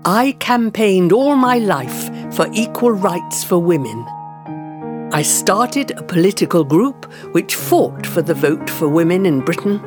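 A woman voicing a determined older suffrage campaigner, telling her life story in first person as storybook narration with slow, clear, carefully measured delivery. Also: mid-range voice, close to an everyday voice.

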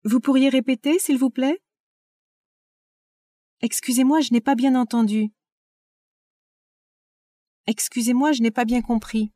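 A woman reading out phrasebook sentences slowly and carefully, like a language teacher. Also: fairly high pitch, fairly even intonation, mellow, dry recording.

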